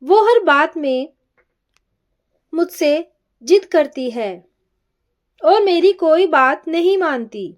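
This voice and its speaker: A woman's voice: sits high, animated, takes it slowly, pauses often. A woman voicing an angry older mother-in-law who scolds in a raised voice while reading a story. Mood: angry, scolding.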